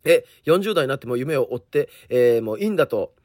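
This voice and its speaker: A man in his forties with a Kansai accent, a comedian hosting a podcast, reading listener messages in an excitable, gushing way with mock-grumpy retorts. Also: mid-range voice, quick pace, dry recording, studio quality. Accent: Kansai Japanese.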